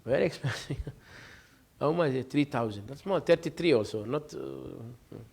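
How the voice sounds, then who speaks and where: A man's voice: medium pitch, normal speed, gravelly, darkish tone, breathy edge. A man, a sheikh giving an informal religious lesson, telling stories, joking and laughing, and acting out dialogue. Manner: conversational, jokes and laughs, acts out dialogue.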